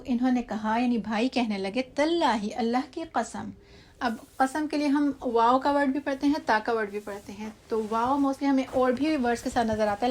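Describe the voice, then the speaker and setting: A woman giving a word-by-word scripture translation lesson. She recites each phrase slowly, then explains it quickly and drops in English words. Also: fairly high pitch, a little mellow. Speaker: Quran teacher.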